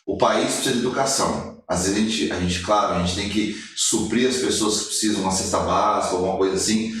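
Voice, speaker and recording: A man in his forties, a podcast guest and motivational speaker, telling his life story in an animated way and acting out the quoted lines. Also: lowish voice, fast talker, very echoey, distant mic. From Brazil. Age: 40s.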